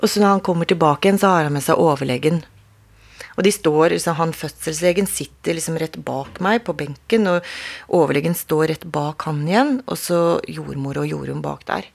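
Creaky-voiced woman recalling, hesitant. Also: low-pitched. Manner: hesitant, many fillers and restarts. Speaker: interviewee telling her own story. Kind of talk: personal recollection in a radio documentary.

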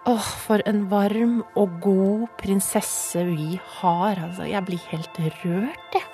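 A woman playing an emotional, over-apologetic highly sensitive woman in a mock documentary interview. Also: steady tone, dark tone, natural voice. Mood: gushing teary. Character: gushing, oversensitive woman, teary and apologetic. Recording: music playing behind.

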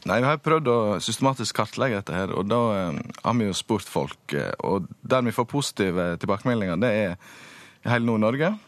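A male linguist being interviewed, explaining patiently and pausing often to find his words. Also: on the low side, animated, no room sound. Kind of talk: radio interview.

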